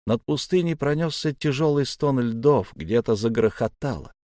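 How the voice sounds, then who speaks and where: A man narrating an adventure audiobook in a steady, even reading voice. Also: medium pitch, moderate pace, dry recording, clean studio sound. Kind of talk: scripted narration.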